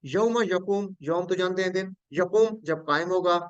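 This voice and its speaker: A man's voice: high voice, moderate pace, smooth, no echo, dull audio. A man teaching a Quranic Arabic lesson, patiently repeating each word and quizzing his students.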